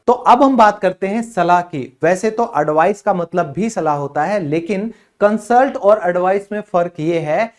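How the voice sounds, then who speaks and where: A man teaching English vocabulary in a casual, chatty way, speaking to viewers as friends and saying each example sentence slowly and carefully. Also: sits high.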